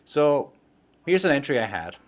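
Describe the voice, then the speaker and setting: A man talks through a casual tutorial vlog as a parent, chatty and full of quick jokes and asides. His voice sits at a middle pitch but moves around a great deal. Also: sing-song. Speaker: parent and video host.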